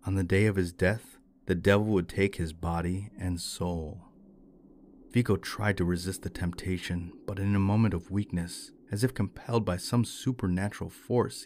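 A man narrating a folktale in a measured, steady reading. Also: deep voice, slight background noise. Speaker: storyteller. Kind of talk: scripted folklore narration.

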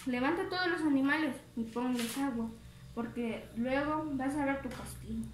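A woman's voice: high-pitched, normal speed, recorded from a distance, slight background noise, natural voice. Woman voicing a stern farmer father. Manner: scolding, firm. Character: stern farmer father, middle-aged man. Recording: roomy home recording.

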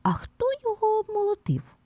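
A woman's voice: very high voice, huge pitch swings, fairly quick, dark tone, dry recording, pitched above the performer's own voice, heavily acted. A woman voicing a hardworking, cheerful rooster in an audio fairy tale, calling out in a sing-song way. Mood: stern, reproachful. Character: hardworking cheerful rooster, patient then stern.

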